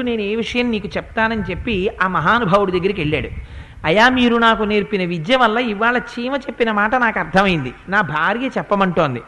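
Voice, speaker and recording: A man giving a religious discourse retelling an epic, animated, with his pitch shifting as he quotes its characters. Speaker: religious storyteller. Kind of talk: Ramayana discourse. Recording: long hall reverb.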